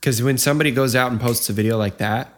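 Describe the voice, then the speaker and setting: A man's voice: medium pitch, fast. A man co-hosting a podcast, talking casually and rambling with lots of "you know" and "like" fillers. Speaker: podcast co-host.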